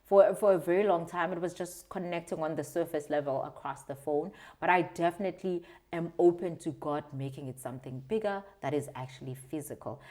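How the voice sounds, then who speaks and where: Low-voiced South African woman, earnest and expressive. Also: brisk, few pauses. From South Africa, Transkei. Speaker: interview guest, video creator. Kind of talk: conversational interview answers.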